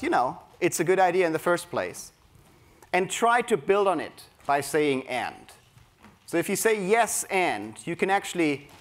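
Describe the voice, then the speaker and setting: A German man with a German accent gives an interactive keynote to a live audience, coaching them through a creativity exercise as a workshop speaker. His voice sits high and sounds a bit bright.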